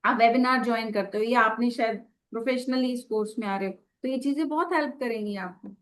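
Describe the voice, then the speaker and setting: A woman teaching a live numerology class, explaining slowly and often checking in with the class, switching between Hindi and English. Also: on the high side. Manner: frequent tag questions checking with the class.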